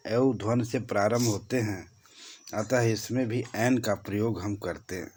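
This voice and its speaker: A man with a Hindi accent teaching a grammar lesson, explaining slowly and repeating key points. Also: on the low side.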